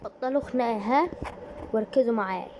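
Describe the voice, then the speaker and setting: A woman with an Egyptian accent voicing a stern teacher who loudly scolds a noisy class. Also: a little high, fast talker, natural voice. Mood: scolding. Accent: Egyptian Arabic. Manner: loud, scolding. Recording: noisy home recording.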